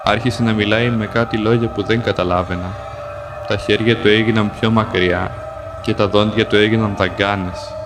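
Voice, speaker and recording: A man reading a dark first-person fantasy tale in a calm, measured way, in short plain sentences. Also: lowish voice, noisy background. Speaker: storyteller. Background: music.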